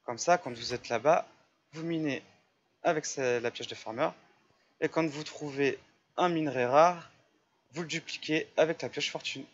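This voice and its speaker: A man's voice: a little high, moderate pace, dull audio, a little hiss or hum. A man giving casual, step-by-step commentary over his own gameplay, chatty and full of fillers. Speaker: Minecraft server YouTuber.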